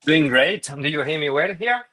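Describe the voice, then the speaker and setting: A man's voice: fairly high pitch, animated, normal speed, pushed and bright. A man speaking as a webinar guest over a video call, hesitant with many fillers. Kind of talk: webinar talk.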